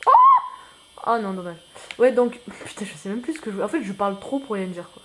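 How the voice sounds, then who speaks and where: In a very noisy recording, a high-voiced man speaks briskly as a new YouTuber doing casual gameplay commentary. He rambles, makes fun of himself, and fills the session with slang and excited shouts at the game.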